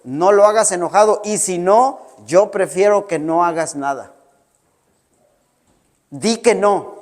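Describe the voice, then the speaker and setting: Brief: middle-aged Mexican-accented male preacher, high voice, conversational sermon with fillers and restarts, church hall reverb. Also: takes it slowly. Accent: Mexican Spanish. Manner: conversational, repeats words, many fillers.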